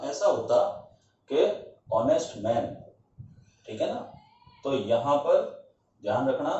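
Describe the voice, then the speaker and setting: Man teaching grammar, mellow voice, asks and answers his own questions, far from the mic in a very echoey room. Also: a little high. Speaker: English teacher. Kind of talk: classroom grammar lesson. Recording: distant mic, dull sound, very echoey room with faint hiss.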